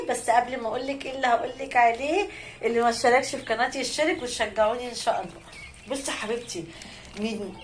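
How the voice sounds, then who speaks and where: A high-voiced woman with an Egyptian accent hosts a casual how-to vlog on raising poultry. She keeps up a chatty, affectionate patter, putting questions to herself and then answering them, over a faint hiss of background noise. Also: fairly bright tone. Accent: Egyptian Arabic. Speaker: channel host raising poultry.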